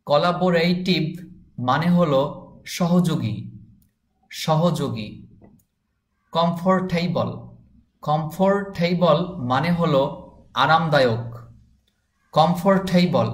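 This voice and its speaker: A man teaching English vocabulary, saying each word and its meaning over and over, and correcting pronunciation. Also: fairly high pitch. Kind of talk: slow repetitive vocabulary drill. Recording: echoey room.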